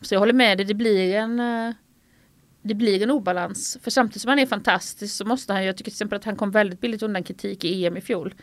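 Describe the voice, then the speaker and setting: A woman's voice: medium pitch, no echo. A middle-aged woman from Sweden, a sports journalist speaking frankly and animatedly as an interview guest. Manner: forthright and animated, tells anecdotes. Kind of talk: interview conversation.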